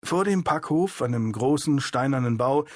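A man narrating an abridged audiobook in an even, measured storytelling manner. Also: medium pitch, no room sound, studio quality.

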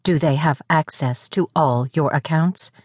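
A woman narrator voicing a calm, commanding female security director who speaks in a measured way. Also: low voice, husky, dry recording, studio quality.

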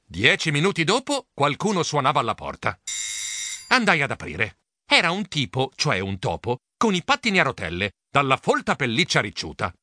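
Lively, bright-voiced male storybook narrator. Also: mid-range voice, moderate pace. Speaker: audiobook narrator. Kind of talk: expressive first-person storybook narration.

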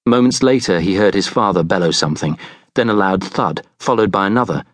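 A man narrating a thriller audiobook in a measured, tense storytelling manner. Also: low voice, no echo, clean studio sound.

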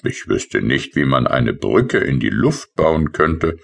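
A man's voice: a bass voice, very animated, slow, creaky, breathy edge, heavily acted. A man voicing a grumpy, weary male painter in a children's audiobook, sulky and complaining. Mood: grumbling.

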